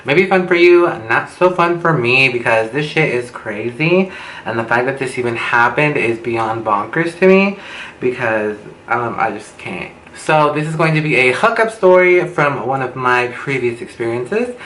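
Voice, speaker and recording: A man's voice: mid-range voice, sharp tone. A young man in a casual storytime vlog, chatty, campy and dramatic, his speech slightly lisped from wearing retainers. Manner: campy, dramatic, gossipy delivery with drawn-out words. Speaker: beauty vlogger telling a story. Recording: echoey room with faint background noise.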